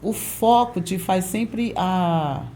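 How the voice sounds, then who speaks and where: A woman pastor in her forties, a podcast guest telling a lively testimony and acting out the voices of people in it. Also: medium pitch, very slow, a little hiss or hum. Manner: lively storyteller who acts out quoted voices. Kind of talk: storytelling testimony in a podcast interview.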